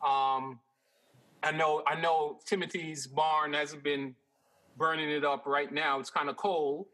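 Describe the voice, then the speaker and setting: Guest handicapper from Jamaica, bright tense voice, a bit high, ums a lot. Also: male voice, slow pace, low-quality recording. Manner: relaxed, hesitant with many ums. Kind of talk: casual conversation.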